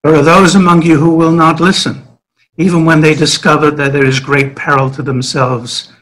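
A man voicing God as a tender, sorrowful fatherly figure who speaks gently and pleadingly. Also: on the high side, level tone, moderate pace. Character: God, a loving, grieving fatherly male deity.

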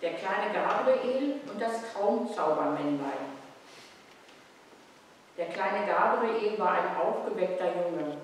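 Author reading their own bedtime story, slow and measured, live stage, far off in an echoey hall. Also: mid-range voice, lively intonation, a little hiss or hum. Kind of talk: storybook reading at a literary café.

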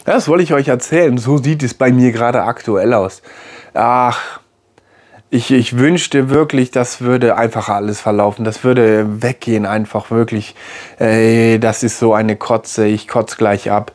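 Halting man talking to viewers. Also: medium pitch, darkish tone. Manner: halting, repeats words, talks to viewers directly. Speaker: vlogger. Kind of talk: personal video diary.

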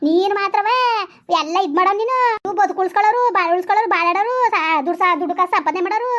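A woman playing a furious village elder aunt in a comedy skit, cursing and scolding without pause. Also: fairly bright tone, dull audio. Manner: shrill nonstop scolding and cursing.

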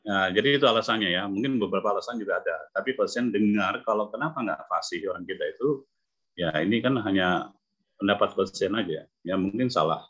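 A man from Indonesia teaching English phonics in an online class, repeating example words and confirming each point with a quick "ya". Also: fairly low pitch, a bit bright, slightly rough, highs cut off. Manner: repetitive, affirming with "ya", demonstrates sounds. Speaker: English coach. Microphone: video call.

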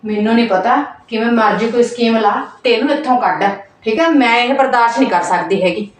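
A woman plays a scheming, grumbling sister-in-law with a high, nagging voice. She sounds distant, in an echoey room. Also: a little fast, close to an everyday voice. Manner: complaining, nagging. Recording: echoey room, far mic.

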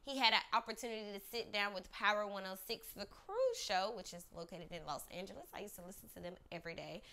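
A woman's voice: mid-range voice, fast talker, sharp tone, a little hiss or hum. A woman hosting a casual entertainment news roundup, chatty and upbeat, talking straight to her viewers. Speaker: host.

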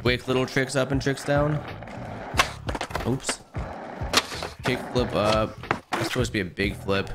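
An excitable man chats his way through a skateboarding game, cracking jokes and talking to himself as he plays. His voice sits at an ordinary middle pitch. Clear music plays underneath him the whole time. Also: unhurried, pauses often. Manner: excitable, jokey, talks to himself while playing. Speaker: gaming YouTuber. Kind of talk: casual gameplay commentary.

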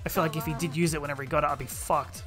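A man's voice: on the high side, fairly even intonation, very fast. Brash male let's-play host, profane trash talk, slightly raised voice, game music under him. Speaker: gaming video host. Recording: game music playing behind voice. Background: video game music and sounds.

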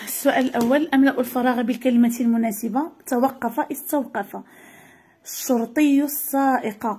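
High-voiced Moroccan woman teacher. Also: steady tone, mellow. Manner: clear, repeating answers slowly for pupils. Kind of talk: Arabic lesson and story reading.

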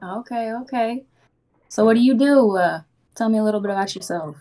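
A woman's voice: on the high side, a little fast, warm tone. A twenty-year-old woman from Missouri, straightforward with some hesitant fillers, chatting on a video date. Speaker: dating contestant. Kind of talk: casual chat. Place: home room.

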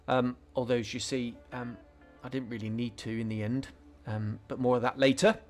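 A man at a middle pitch talks through a hobby build while working on it, relaxed and explanatory, with ums and restarted sentences along the way. He's a scale modelling channel host doing a tutorial voice-over, and soft music plays faintly underneath.

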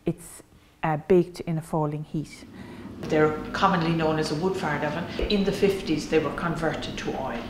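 A woman's voice: on the low side, darkish tone. Older Irish woman explaining her bakery. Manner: plain, unhurried explaining with fillers. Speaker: bakery owner. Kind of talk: documentary interview. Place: café interior.

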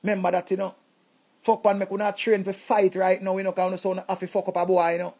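Jamaican male storyteller, husky voice, animated and loud, acts out every voice. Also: sits high, fast talker. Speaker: comedic storyteller. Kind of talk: comic storytelling.

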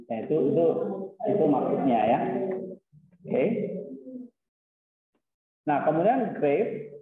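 A man's voice: a little high, big pitch swings, slow. A man teaching a lesson in a casual way, explaining step by step and dropping in English terms. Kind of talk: casual classroom lecture. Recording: tinny phone-like, roomy echo.

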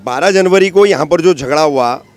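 A man's voice: fairly high pitch, moderate pace. A male reporter asking probing questions in a street interview.

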